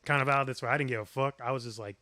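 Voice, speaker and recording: A man's voice: fairly even intonation, rapid-fire, bright, forceful tone, no echo. A young man co-hosting a podcast, rambling through childhood memories with lots of fillers and trailing-off phrases. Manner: rambling, filler-heavy, drops low when thoughtful. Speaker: podcast co-host. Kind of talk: casual chat.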